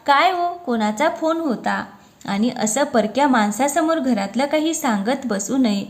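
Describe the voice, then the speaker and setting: A woman's voice: high voice, animated, unhurried. A woman voicing an irritated young wife scolding her husband in a read-aloud story. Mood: annoyed. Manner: scolding, exasperated.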